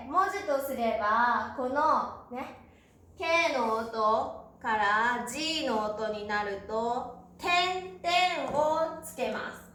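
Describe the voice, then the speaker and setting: Slow high-voiced woman teacher, echoey room. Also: a bit bright. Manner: patient, spells out each syllable, frequent "un" affirmations. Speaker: Japanese teacher. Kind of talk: slow, clear classroom lesson.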